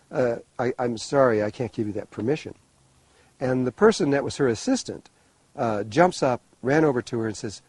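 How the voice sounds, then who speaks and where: A man telling a long personal story in a rambling, animated way, with many restarts. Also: mid-range voice, husky, no echo, poor audio. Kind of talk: storytelling talk.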